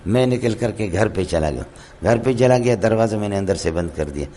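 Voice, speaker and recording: Hoarse man teaching Quran commentary. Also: fairly low pitch, animated, dark tone. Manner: storytelling, often checks listeners with "understood?". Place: madrasa lecture hall.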